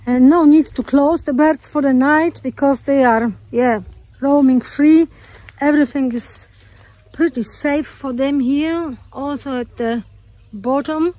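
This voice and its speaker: Muffled but free of echo, this recording catches an Australian woman touring her homestead's garden and poultry with a phone camera in hand. Her high, mellow voice keeps a measured, unhurried pace, casual with fillers and a turn of phrase.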